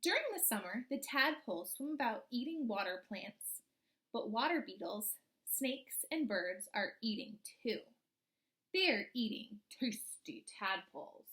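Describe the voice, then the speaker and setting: In a medium-pitched, slightly bright voice, a woman reads a picture book to young children with expression, much like a teacher would. She often breaks off to ask them guiding questions.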